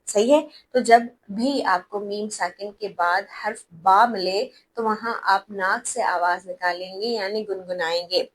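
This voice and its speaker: Woman, recitation teacher, patient step-by-step explaining, medium pitch. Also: a little hiss or hum, low-quality recording. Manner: patient step-by-step explaining, spelling out letters and checking understanding. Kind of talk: online tajweed lesson.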